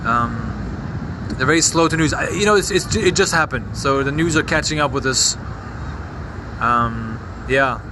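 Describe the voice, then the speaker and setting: In a mid-range voice, a man livestreams a fire from his phone at night outdoors in a city compound, fielding viewer comments. He sounds sombre and halting, restarting many times, and the phone stream is noisy.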